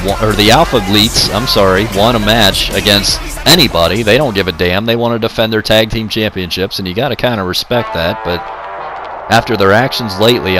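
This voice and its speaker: A man doing excitable, mock-broadcast wrestling play-by-play over a video game, shouting at the big moments and talking to the viewers as folks. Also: on the low side. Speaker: gaming video creator.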